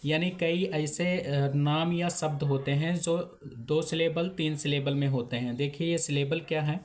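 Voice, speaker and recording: A man teaching name spellings step by step, in a slow, repetitive way. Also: a little high, steady tone. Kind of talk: handwriting lesson.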